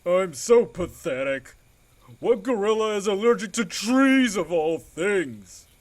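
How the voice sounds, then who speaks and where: A man's voice: sits high, lively intonation, takes it slowly. A man voicing a timid male gorilla with allergies who apologizes and stammers. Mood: self-pitying. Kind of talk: fan audio drama acting.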